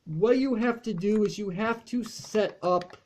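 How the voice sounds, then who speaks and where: A man's voice: sits high, unhurried, a little mellow. A man chatting casually over gameplay as a channel host, rambling along with frequent fillers and restarts.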